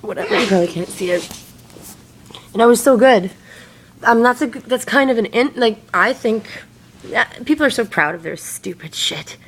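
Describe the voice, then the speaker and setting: A woman's voice: fairly high pitch, lively intonation, normal speed, a bit bright, a little hiss or hum. A woman talking casually to camera in a hazy, wandering way, slangy and sweary, saying "like" often and drifting between thoughts. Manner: slangy and sweary, heavy use of "like". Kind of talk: casual rambling personal talk to camera.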